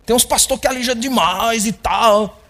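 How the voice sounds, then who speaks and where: A man voicing a loud, fiery male street preacher who shouts warnings at sinners. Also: very high-pitched, normal speed, pitched above the performer's own voice. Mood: challenging.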